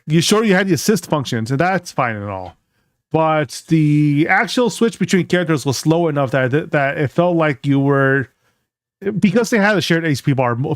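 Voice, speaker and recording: Higher-voiced man giving casual game commentary. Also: no echo, studio quality. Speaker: video game reaction host.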